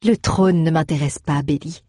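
A woman's voice: deep voice, fairly even intonation, normal speed, warm tone, no room sound. A woman voicing a poised, commanding young woman who speaks with cutting sarcasm in an audiobook. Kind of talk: audiobook character voice.

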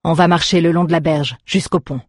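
Captain, terse and careful, husky close voice, read by a narrator. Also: medium pitch, steady tone, fairly quick, no room sound, natural voice. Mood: cautious. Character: cautious soldier captain, adult man.

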